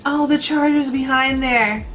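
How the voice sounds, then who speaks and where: Excitable woman vlogger, gushing unboxing delivery, slow unhurried talk, faint music underneath. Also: sits high. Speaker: vlogger reviewing products. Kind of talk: casual unboxing vlog.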